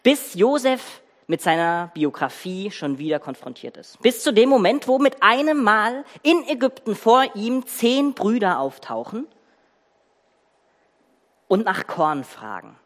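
Preacher, sermon, animated storytelling, emphatic pauses, mid pitch, long church-hall reverb. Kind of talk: sermon with dramatic Bible reading.

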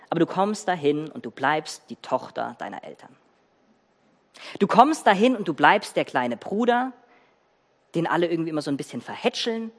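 A preacher giving a sermon in a church, telling the story with lively emphasis and speaking directly to the listeners. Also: mid-range voice, big-room sound.

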